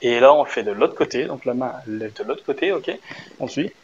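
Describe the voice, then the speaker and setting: A man's voice: medium pitch, fairly quick, slightly rough. A man teaching a dance routine in a casual tutorial, encouraging his learners, checking in often with short questions and sounding out the beats as he demonstrates. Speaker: dance instructor. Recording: slightly dull recording with faint room noise.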